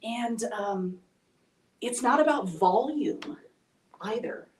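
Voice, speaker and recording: A woman's voice: fairly high pitch, expressive, takes it slowly, a little hiss or hum. A woman telling a candid, emotional personal story to a live audience at a speaker event. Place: event hall. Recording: echoey room from a distance.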